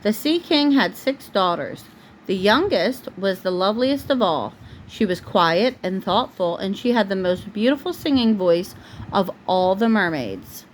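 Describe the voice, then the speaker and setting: At home, a mother reads a storybook aloud to her young child in an expressive, unhurried, medium-pitched voice, pausing to answer the child's questions patiently. The recording is rough, with clearly audible background noise.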